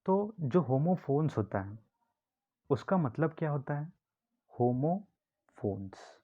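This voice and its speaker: A man's voice: a little high, animated. Dull-sounding male teacher explaining words. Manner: explains slowly, repeats key words, asks and answers his own questions. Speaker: English teacher. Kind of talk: classroom-style vocabulary lesson.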